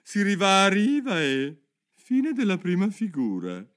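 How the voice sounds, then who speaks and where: A tearful sea turtle from a storybook, its voice pitched far above his own and swooping wildly up and down. It wails and stretches its words out slowly, shrill and theatrical. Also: wildly swooping pitch, a bit bright, exaggerated voice. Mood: excited. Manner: shrill, wailing, drawn-out and tearful. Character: weepy sorrowful sea turtle creature, theatrical.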